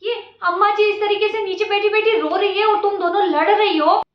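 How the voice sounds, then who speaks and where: A woman's voice: extremely high pitch, fairly even intonation, fairly quick, over music. A woman playing the eldest sister-in-law, who scolds the quarrelling women in a reproachful tone, in an amateur family drama. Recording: echoey room, dull lo-fi sound.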